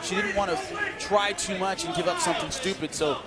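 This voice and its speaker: A man's voice: sits high, very animated, a little fast. A man giving live color commentary on an MMA fight, explaining tactics with blunt opinions. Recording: loud crowd and music behind broadcast mic. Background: arena crowd and music.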